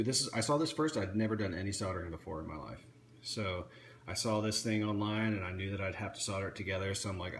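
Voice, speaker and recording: A man casually showing off an electronics kit he built, talking off the cuff with frequent restarts and fillers. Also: fairly low pitch. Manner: rambling, many restarts and fillers. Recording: echoey room with faint ambient noise.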